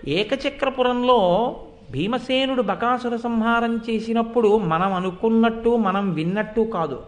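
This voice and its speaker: High-voiced man giving a devotional discourse. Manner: chants classical verses, addresses listeners directly; animated storytelling with acted quotes. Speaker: religious discourse speaker.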